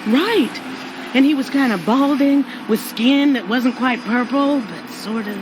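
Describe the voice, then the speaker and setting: A feisty older mother's ghost. Her voice is fairly high, blunt and sassy, full of grudge, in cartoon game style over clearly noisy ambience. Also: measured pace. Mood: vengeful. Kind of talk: cartoon video game voice acting.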